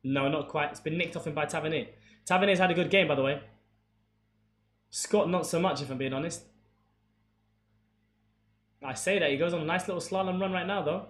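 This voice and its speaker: A young man calls the football live, his voice sitting high and jumping up when the play gets tense. He chats loosely with his viewers between the action. The sound is roomy and echoey, with a faint hiss behind him. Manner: casual, excitable play-by-play, talks to chat. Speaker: streamer commentating a football watchalong. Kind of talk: live match commentary and chat with viewers. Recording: echoey room with faint background noise.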